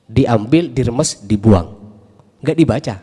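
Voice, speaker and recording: A man's voice: mid-range voice, slow, mellow, slightly rough. A man giving a lecture-style talk at a literature discussion, emphatic and rhetorical, often repeating short phrases for effect. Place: campus hall. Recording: long hall reverb.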